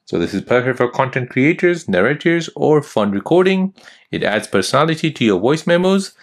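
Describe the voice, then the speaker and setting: A young man narrating a step-by-step phone tutorial as host, giving steady instructions. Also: medium pitch, a little fast.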